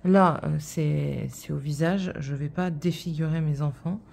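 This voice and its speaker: A woman's voice: low-pitched, steady tone, a little slow, creaky, darkish tone. A woman in her thirties chatting casually while stitching, telling a rambling story full of fillers. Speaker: vlogger.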